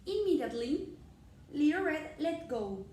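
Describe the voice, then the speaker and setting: A woman reading a picture book aloud slowly, correcting herself and adding little asides. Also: high voice, sing-song, dark tone, a little hiss or hum. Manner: slow, with self-corrections and asides. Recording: echoey room, far from mic, birdsong.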